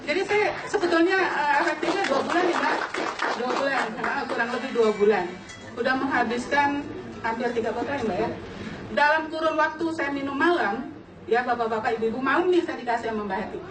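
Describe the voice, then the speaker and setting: A woman in her late forties giving an animated personal testimony to an audience, laughing often and turning to address the listeners directly. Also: sits high, a little fast, over a noisy crowd, heavy background noise. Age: late 40s. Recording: echoey hall, distant mic, audience around.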